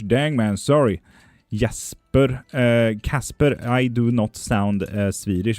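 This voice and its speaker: During a casual livestream, a young man reads tarot, reads out chat messages, and answers them with loose jokes and frequent swearing. As a witchcraft streamer, he has a fairly low, slightly mellow voice, recorded without echo.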